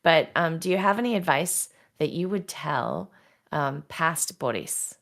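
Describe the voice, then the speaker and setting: A woman's voice: sits low, lively intonation, measured pace, gravelly, fairly bright tone. A woman hosting a podcast, asking questions and closing the episode in a friendly way with some fillers. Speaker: podcast host.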